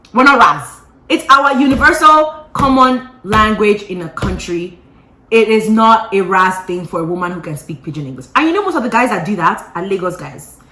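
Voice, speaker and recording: Woman, from Nigeria, casual vlog rant, bright tone, echoey room. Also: medium pitch, a little hiss or hum. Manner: animated, ranting, laughs often. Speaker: vlogger. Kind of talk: casual gist chat.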